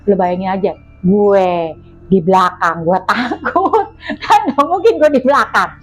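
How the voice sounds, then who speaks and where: A woman, a guest who tells her story in an animated, slangy and dramatic way. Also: medium pitch, moderate pace. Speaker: guest telling a mystical experience. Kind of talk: casual storytelling chat.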